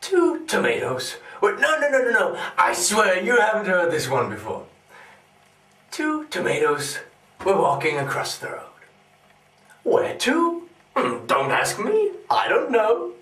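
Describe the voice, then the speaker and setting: An actor playing a deranged, gleeful, sadistic clown supervillain in a theatrical monologue, mocking and erratic, recorded with a roomy echo. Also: male voice, high-pitched, huge pitch swings, unhurried, recorded from a distance, full character voice. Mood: rambling, playful. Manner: theatrical, mocking, erratic swings between whispering and shouting.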